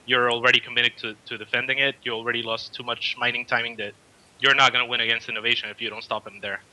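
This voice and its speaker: A man's voice: medium pitch, flat delivery, quick pace, bright, forceful tone, rough recording. A man on a casual esports panel who talks emphatically, often stammering and restarting his sentences. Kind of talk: casual esports analysis chat.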